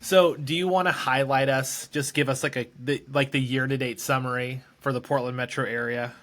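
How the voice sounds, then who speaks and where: A man's voice: mid-range voice, a little fast. Easygoing male podcast host. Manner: joking, relaxed, runs through figures. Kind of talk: casual real estate podcast chat.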